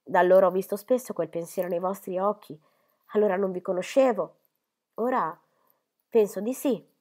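A woman voicing a pale, ailing young man who speaks quietly and slowly as he confides. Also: medium pitch, close to an everyday voice. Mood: confiding. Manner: quiet, slow, subdued.

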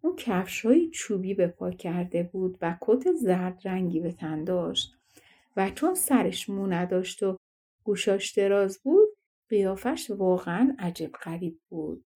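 A woman narrating a fairy tale audiobook with steady, expressive storytelling. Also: mid-range voice, husky.

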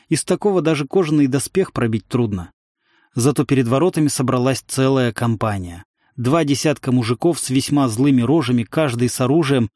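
A male narrator reads a story in an even, measured way, his voice sitting at a middle pitch. The recording is close and dry, with no room sound. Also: no room sound. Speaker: audiobook narrator. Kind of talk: scripted narration.

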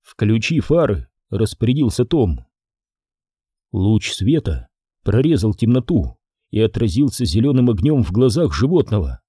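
A man narrating an audiobook in a steady, measured storytelling manner. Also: lowish voice, slightly rough, dry recording, clean studio sound. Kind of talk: scripted narration.

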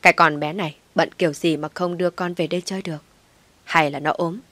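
A woman voicing a sharp-tongued middle-aged aunt who scolds harshly, in a storybook reading. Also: deep voice, steady tone, fast talker, no echo. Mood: puzzled.

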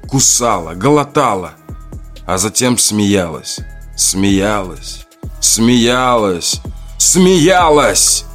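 A man narrating a horror folk tale in a grim, measured storytelling manner. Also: fairly low pitch.

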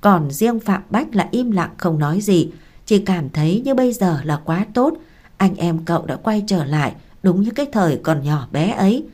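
A woman narrates an audiobook in a steady, even storytelling manner. Her voice sits on the low side.

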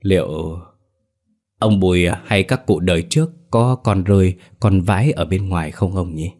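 Man doing fretful elderly grandmother, insistent, deep-voiced, story reading. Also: normal speed, darkish tone, close to an everyday voice. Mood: anxious. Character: anxious elderly village grandmother, stubborn.

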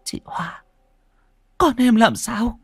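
A faint, breathy young mother , as a male storyteller puts her on, pleading in a thin, raised voice that drops almost to a whisper. Close and dry. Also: very high voice, expressive, takes it slowly, no room sound, soft background music, pitched above the performer's own voice, full character voice.

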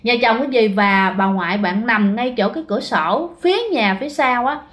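A woman's voice: fairly high pitch, fairly quick, a bit bright. A woman with a Southern Vietnamese accent telling a ghost story in a casual, chatty way, often speaking straight to her listeners. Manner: chatty, keeps addressing listeners directly.

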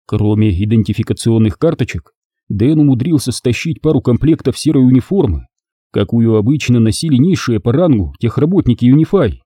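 A male narrator reads a storybook in a very dark, husky voice, with lively rises and falls in pitch. The recording is close and dry. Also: fairly quick, no room sound. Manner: expressive storytelling. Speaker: audiobook narrator. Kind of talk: scripted narration.

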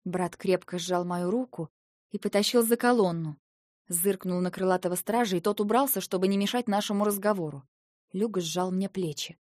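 A woman's voice: medium pitch, moderate pace, darkish tone, dry recording, studio quality. Woman narrating a fantasy audiobook. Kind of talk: first-person scripted narration.

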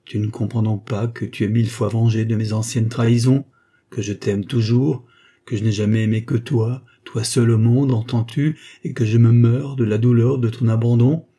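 A man's voice: mid-range voice, steady tone, normal speed, mellow, natural voice. A man reading an audiobook, voicing an impassioned, remorseful young woman who pleads fervently. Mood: passionate. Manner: fervent, imploring.

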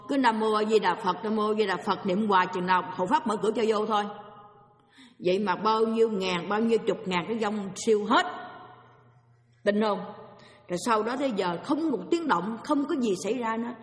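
A woman giving an animated dharma talk as a Buddhist teacher, telling stories and asking her listeners questions. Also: medium pitch. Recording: echoey hall.

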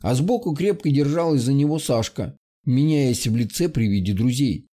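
A man narrating an adventure audiobook in a steady storytelling manner. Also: medium pitch, normal speed. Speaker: audiobook reader. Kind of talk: scripted narration.

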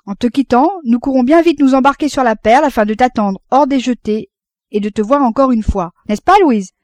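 A woman voicing a boisterous old father who exclaims loudly, in an audiobook reading. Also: fairly high pitch, quick pace, no room sound, lightly acted. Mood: hearty. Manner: loud, exclaiming.

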